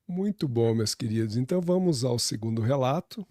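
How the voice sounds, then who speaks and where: A man hosting a podcast, chatting in a relaxed way and introducing the next story. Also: medium pitch, moderate pace. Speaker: podcast host. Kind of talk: casual chat.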